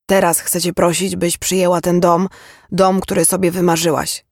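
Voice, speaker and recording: A man reading a remorseful, quiet father. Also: high-pitched, level tone, dry recording, studio quality. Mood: pleading. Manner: quiet, measured and earnest. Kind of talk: audiobook character reading.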